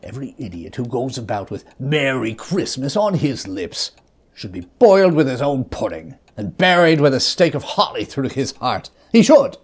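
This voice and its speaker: Grumpy stingy old man, husky and scornful, pitch jumping all over, a storyteller doing the voice. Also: sing-song, unhurried, darkish tone. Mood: indignant. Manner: grumbling, curt, scornful delivery. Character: bitter, miserly old man, scornful and stern. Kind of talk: storybook reading.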